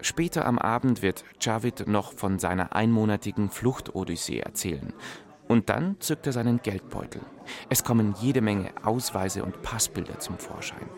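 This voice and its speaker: Low-voiced male documentary narrator. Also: normal speed. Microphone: dry studio voice-over.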